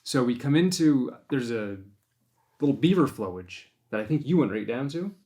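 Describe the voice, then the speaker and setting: A man's voice: mid-range voice, expressive, moderate pace, a little mellow. A man telling a hunting story on a podcast in a loose, rambling way. He restarts his sentences often and voices his own thoughts as he goes. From Maine. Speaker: podcast host and deer hunter. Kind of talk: casual storytelling chat.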